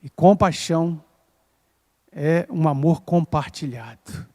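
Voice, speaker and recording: An older man with a Minas Gerais Brazilian accent preaches a sermon from the pulpit, his voice pitched high for a man. He swells into emphatic peaks, then drops to a soft hush, and calls on the congregation to repeat words back. The sound carries a long reverb from the church hall. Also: slow pace. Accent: Brazilian Portuguese, Minas Gerais. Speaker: pastor. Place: church sanctuary.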